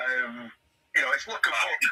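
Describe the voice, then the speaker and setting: A man's voice: mid-range voice, expressive, normal speed, distant mic, noisy background. A man with a Yorkshire accent in a casual group chat, explaining things in a teasing way.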